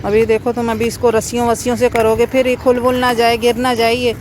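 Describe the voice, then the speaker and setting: A Pakistani mother with a Pakistani Urdu accent and a high-pitched voice, narrating a casual vlog from an outdoor city park. She coaxes and gently scolds her children between remarks to the camera. Heavy outdoor noise sits under her voice. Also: completely flat delivery, fairly quick. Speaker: mother vlogger. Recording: noisy outdoor park recording.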